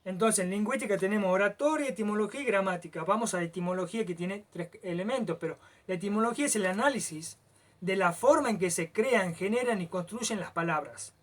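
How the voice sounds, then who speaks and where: A man, teaching a lecture and often stopping to check that the listener follows, stretching some words out slowly. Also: sits high, fairly bright tone.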